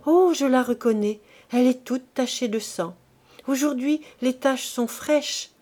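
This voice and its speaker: A woman's voice: high voice, measured pace, a little mellow, pitched above the performer's own voice. A woman voicing a haunted, furious old madwoman who cries out and raves in a singsong. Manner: wild cries and singsong ravings.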